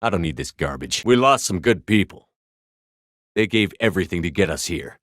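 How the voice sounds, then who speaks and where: A man's voice: sits low, animated, normal speed, fairly bright tone, no room sound. A man voicing a tough, commanding military starship commander in a video game, with a terse, authoritative, dry delivery. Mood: cool, stern.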